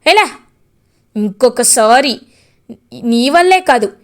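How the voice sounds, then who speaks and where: Give me a woman acting as an angry stern mother-in-law, shouting, high voice. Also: expressive, slow. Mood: furious. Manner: shouting, threatening.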